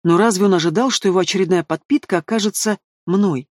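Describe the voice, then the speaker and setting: A male narrator reading a fantasy novel aloud in the first person, expressive and engaged with the heroine's thoughts. His voice sits high for a man and the sound is dry and close to the mic. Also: fast talker, dry recording. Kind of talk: audiobook narration.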